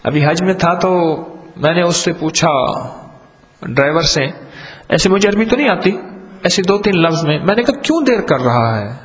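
A man's voice: sits high, pauses often. A man from Pakistan preaching a sermon, telling parables and acting out the dialogue with strong rises and falls in emphasis. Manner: storytelling, acts out dialogue, rising and falling emphasis. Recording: long hall reverb.

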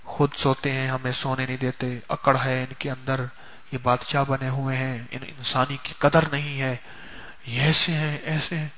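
A man's voice: medium pitch, level tone, muffled recording, pitched below the performer's own voice, natural voice. A preacher voicing a rude male servant who mutters complaints about his master. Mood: grumbling.

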